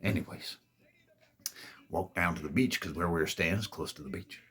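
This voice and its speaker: In this storytime monologue, the host's voice is deep and husky yet bright and forceful, moving at a moderate pace. Relaxed and meandering, he brags, swears, corrects himself, and addresses his audience as "babies."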